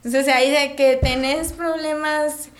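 A woman's voice: sits high, fairly even intonation, measured pace. A woman with a Guatemalan accent, a doctor chatting casually and acting out talks with patients. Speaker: doctor guest. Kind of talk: casual chat.

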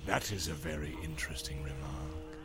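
A man voicing a sly, evil orc messenger who talks softly in a sneering whisper. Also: extremely low pitch, normal speed, music in the background, pitched below the performer's own voice.

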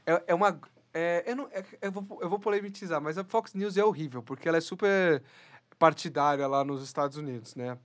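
A man's voice: fairly high pitch, fairly quick. A Brazilian man co-hosting a podcast, rambling and stammering through jokey news chat. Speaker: podcast co-host. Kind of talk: casual comedic news chat.

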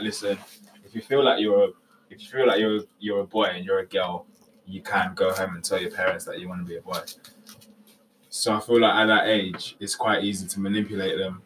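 Young london roadman guy, lowish, rambly slang chat, sat back from the mic. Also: little pitch movement, brisk. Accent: London, urban street slang. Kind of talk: casual group chat. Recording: distant mic with background noise.

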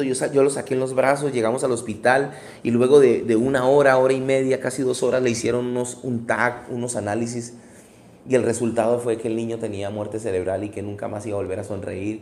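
A man's voice: medium pitch, a little mellow, a little hiss or hum. A man in his thirties preaching a sermon with passion, repeating words and acting out scenes as a pastor. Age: 30s. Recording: echoey room.

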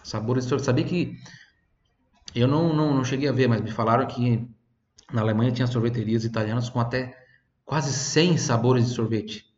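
A man teaching an online language lesson, patiently repeating words and phrases slowly for learners to copy. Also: medium pitch, darkish tone. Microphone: desk microphone. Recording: roomy, slightly dull sound.

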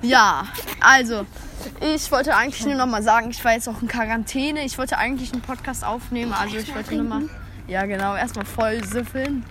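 A woman's voice: on the high side, a little fast, a crowd in the background. A young woman hosting a casual podcast chat, giggling often and steering the talk. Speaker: podcast host.

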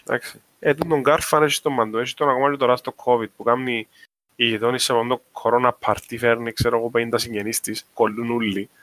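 A man's voice: medium pitch, steady tone, fairly bright tone, no room sound. A man with a Cypriot Greek accent talking casually, explaining his points with examples in an informal discussion. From Cyprus. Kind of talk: casual discussion of social issues.

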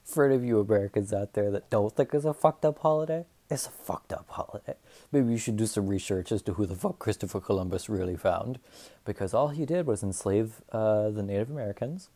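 Young man, podcast host, casual solo monologue, low pitch, very dark mellow tone, rambling, profane. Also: fast talker. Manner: rambling, profane, self-deprecating.

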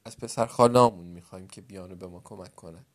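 A man's voice: low-pitched, pitched below the performer's own voice. A man doing a stubborn contrary younger brother. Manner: curt, flatly refuses everything.

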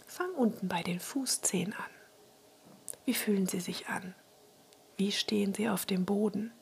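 A woman guiding a relaxation meditation in a soft, soothing spa-like whisper, breathy and husky. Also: mid-range voice, measured pace, slight background noise. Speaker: relaxation exercise guide.

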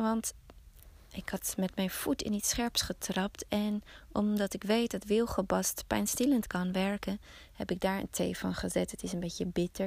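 A woman podcast host telling a folk tale slowly, often dropping to a hush. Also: medium pitch, vocal fry. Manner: slow, hushed, often whispering. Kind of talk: storytelling narration.

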